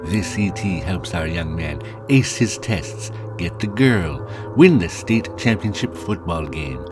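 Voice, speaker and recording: A man's voice: sits low, expressive, slow. A man playing a vain, theatrical horror host and faded film star in scripted comedy. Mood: pompous, promotional. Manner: theatrical, pun-loving showmanship. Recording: prominent music behind.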